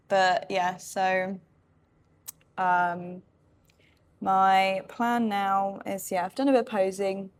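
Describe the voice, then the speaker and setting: A tired woman, rambling casually in a vlog with lots of fillers and soft laughs. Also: mid-range voice. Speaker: vlogger and fitness competitor in contest prep. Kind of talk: casual vlog talk to camera.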